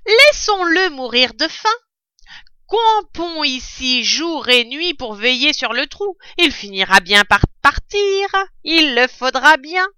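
A woman's voice: high voice, lively intonation, slow pace, sharp tone, no room sound, voice pushed up, exaggerated voice. A woman voicing a furious, hot-tempered male farmer who bellows his threats. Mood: scheming. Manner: bellowing, vicious.

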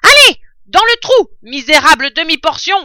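A woman's voice: high-pitched, very animated, slow, bright, forceful tone, dry recording, studio quality, voice pushed up, exaggerated voice. A woman voicing a furious, hot-tempered male farmer who bellows his threats. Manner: bellowing, vicious.

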